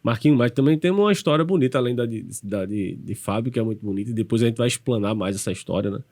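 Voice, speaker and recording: A man's voice: medium pitch, fast talker, darkish tone. A man with a Brazilian Portuguese accent co-hosting a motivational podcast, agreeing readily and building on others' points. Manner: affirming, chimes in with agreement. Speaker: podcast co-host. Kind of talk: casual motivational chat.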